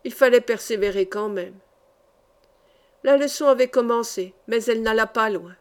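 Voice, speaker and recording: A woman reading a classic novel aloud as an audiobook, in a measured, even storytelling manner. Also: fairly high pitch, smooth. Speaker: audiobook reader. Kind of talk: scripted narration of a novel.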